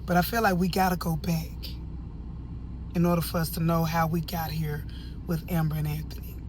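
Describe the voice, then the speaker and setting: American lady doing a chatty review, kinda low voice, emphatic n rambly, bit of noise behind her. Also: moderate pace. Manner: animated, emphatic, rambling asides. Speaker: online reviewer and host. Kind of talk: casual opinionated video commentary.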